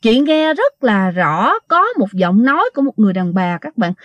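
A woman tells a ghost story in a loose, chatty way, full of fillers and asides to her listeners. Her voice sits a little high. The recording is dry and somewhat muffled. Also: very animated, moderate pace, fairly bright tone, no room sound. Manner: chatty, addresses listeners directly, many fillers. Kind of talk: casual spoken storytelling.

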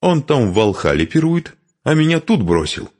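A man voicing a mocking, quarrelsome young Norse warrior woman in an audiobook, with a husky, sharp-tongued voice. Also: low voice, big pitch swings, normal speed, pitched above the performer's own voice. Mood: scornful.

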